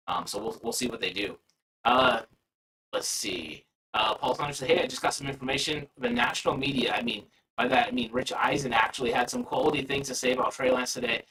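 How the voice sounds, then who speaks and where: A man's voice: mid-range voice, gravelly, pushed and bright, husky, recorded from a distance, poor audio. A man hosting a casual sports livestream, his voice coming through garbled and robotic from a bad connection, rambling with many restarts. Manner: rambling, frequent restarts and fillers. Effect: garbled robotic-sounding audio from a bad connection. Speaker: sports podcast host.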